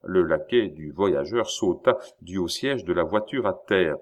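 A man's voice: sits low, lively intonation, a little slow. A man narrating a classic novel aloud with dramatic, varied phrasing. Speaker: audiobook narrator. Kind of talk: expressive literary reading.

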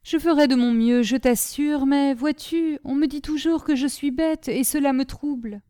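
A woman's voice: high-pitched, normal speed, dark tone, no echo, studio quality, close to an everyday voice. A woman doing Gribouille, a naive young servant. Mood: naive, earnest. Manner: naive, eager, rambling. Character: simple-minded, earnest young male servant.

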